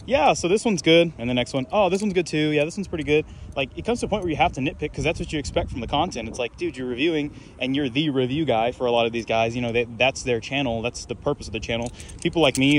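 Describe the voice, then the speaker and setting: With a mid-range voice, a young YouTuber casually rambles about flipping balisongs, relaxed and leaning on fillers such as "like" and "you know what I'm saying." He's recorded on the camera mic while flipping, against a noisy background of traffic and jangling.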